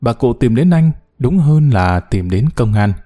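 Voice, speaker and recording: A man narrating a novel as an audiobook, with expressive storytelling. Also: mid-range voice, measured pace.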